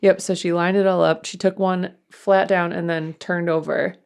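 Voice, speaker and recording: Woman, podcast co-host and mom; rambling casual chat, lowish gravelly voice. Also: little pitch movement, normal speed, a little mellow. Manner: rambling, chatty, many fillers.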